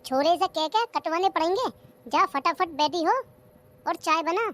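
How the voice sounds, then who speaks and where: A woman's voice: moderate pace, a bit bright. A performer voicing a bossy, nagging older mother-in-law in a cartoon comedy. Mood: scolding. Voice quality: shrill, nagging.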